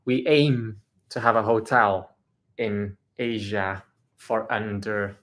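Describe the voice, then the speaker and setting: A man's voice: on the low side, steady tone, slow pace, a bit bright. A young man co-hosting a casual live travel Q&A, laid-back and hesitant with fillers. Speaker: travel vlogger co-host.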